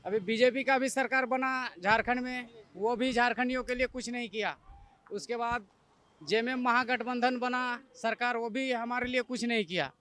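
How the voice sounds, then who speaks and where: A man, a party supporter at a march, calmly explaining why they protest in a street interview. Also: very high-pitched, normal speed.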